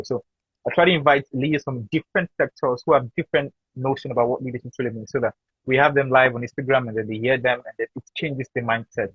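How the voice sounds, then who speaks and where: A man's voice: medium pitch, slightly rough, no room sound, lo-fi sound. A man hosting a live online interview, thanking his guest effusively and asking questions. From Nigeria. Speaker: host.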